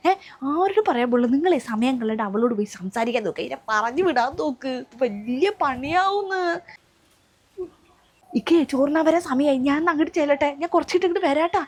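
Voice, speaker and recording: A woman's voice: high-pitched, animated, quick pace. A woman playing an urgent, coaxing neighbour. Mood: reassuring. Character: practical middle-aged female neighbour and confidante. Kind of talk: web series drama acting.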